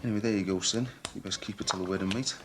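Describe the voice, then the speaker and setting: Easy-going low-voiced Liverpool man, as an actor plays him. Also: fairly even intonation, very fast, music in the background, natural voice. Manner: easy-going, laughing along. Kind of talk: TV soap acting.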